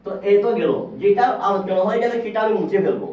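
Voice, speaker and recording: A man teaches a whiteboard lesson, his voice high and set back from the mic. He says words again and again and puts questions to the class. The sound is echoey and dull. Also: animated, distant mic, slight background noise. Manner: repeats words slowly, asks the class questions. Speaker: English teacher.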